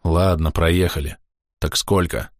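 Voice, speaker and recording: A man's voice: deep voice, steady tone, measured pace, no echo, clean studio sound, voice pushed down. A man voicing a battered young warrior who answers in a terse, subdued mutter. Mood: weary muttering.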